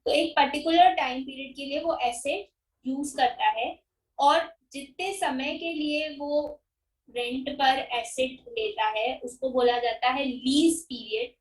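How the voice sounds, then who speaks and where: Woman, high voice, unhurried lecturing, roomy echo. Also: distant mic. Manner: explains slowly, repeats key terms and checks understanding. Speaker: teacher. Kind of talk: recorded finance lecture. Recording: echoey room, speaker away from mic.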